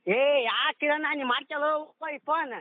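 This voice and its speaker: A prank call recipient with a North Karnataka Kannada accent argues bluntly and protests in a heated phone call. His very high-pitched voice moves a little fast and sounds irritated. The line is tinny and noisy.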